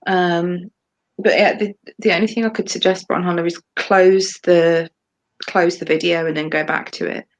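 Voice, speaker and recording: A woman's voice: lowish voice, fairly even intonation, moderate pace. A woman co-hosting a casual livestream discussion over a video call, rambling and hesitant with many ums. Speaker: co-host.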